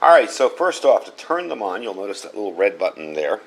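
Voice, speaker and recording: Very animated and a little fast, this man has a fairly low-pitched voice. He runs a channel and reviews products hands-on in a relaxed, folksy, plain-spoken style, circling back to repeat himself for emphasis.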